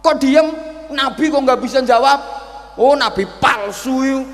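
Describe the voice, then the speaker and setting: Brief: a preacher acting out a cranky old man, high strained voice, loud and scolding, long reverb. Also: measured pace, faint music behind. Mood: angry. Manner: shouting, scolding. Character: impatient old man, quick to anger.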